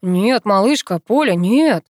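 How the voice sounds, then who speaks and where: A woman's voice: medium pitch, animated, slow pace, no echo, clean studio sound. A woman voicing a cocky, joking teenage boy in an audiobook, drawling and teasing.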